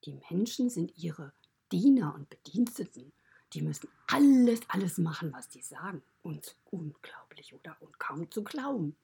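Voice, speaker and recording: A woman's voice: on the low side, lively intonation, normal speed, vocal fry, warm tone, slightly rough, exaggerated voice. A woman voicing a friendly stable animal who narrates a children's podcast story, chatty and mostly whispered.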